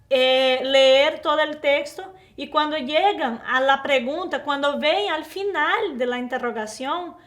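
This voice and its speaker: Slow-speaking high-voiced woman teacher. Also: fairly bright tone. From Brazil. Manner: patient, explains slowly with frequent tag questions. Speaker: Spanish teacher. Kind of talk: online language lesson.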